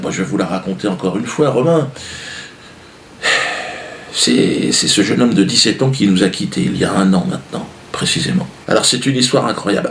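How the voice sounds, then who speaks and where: A man's voice: mid-range voice, reverberant, a little hiss or hum. A man doing a rambling, sardonic comedy monologue, full of fillers and asides. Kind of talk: stand-up monologue.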